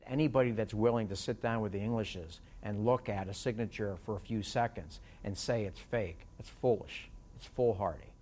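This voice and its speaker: A man's voice: lowish voice, normal speed, few pauses, warm tone. A man, a company attorney, answering firmly and defensively in an interview. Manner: firm, defensive.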